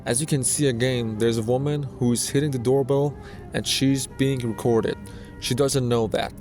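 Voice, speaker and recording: A man delivers scripted narration in the manner of an online countdown video. His voice sits at a middling pitch, with music playing underneath. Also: steady tone, moderate pace, a little mellow. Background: background music.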